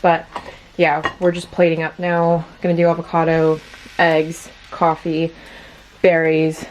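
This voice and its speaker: A woman's voice: low-pitched, completely flat delivery, unhurried, a little mellow, a little hiss or hum. A young woman chatting casually in a vlog, upbeat and full of "like". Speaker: vlogger. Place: home kitchen.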